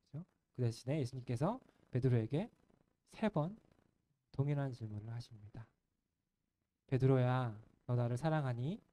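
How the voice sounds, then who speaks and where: A male pastor preaching a sermon in an earnest, gentle way, letting the ends of his phrases fall soft. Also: medium pitch. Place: church sanctuary.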